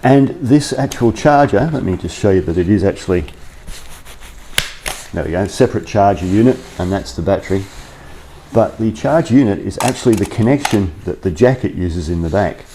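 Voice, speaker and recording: A man's voice: on the low side, lively intonation, moderate pace, mellow, slight background noise. A man giving a casual, chatty product review in his workshop, thinking aloud as he goes, on a clip-on mic. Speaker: workshop vlogger. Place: cold workshop. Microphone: clip-on lapel mic.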